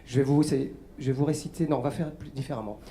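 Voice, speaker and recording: A man's voice: medium pitch, steady tone, fast, warm tone, slight background noise. A man performing a live mind-reading demonstration as a radio guest, patiently guiding a volunteer and reciting letters one by one. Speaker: stage mentalist guest.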